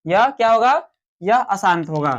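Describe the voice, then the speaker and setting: Slow-explaining Hindi maths teacher, man. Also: sits high, expressive, lo-fi sound. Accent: Bihari Hindi. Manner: slow, explanatory, asks questions and answers them himself. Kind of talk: classroom maths lecture.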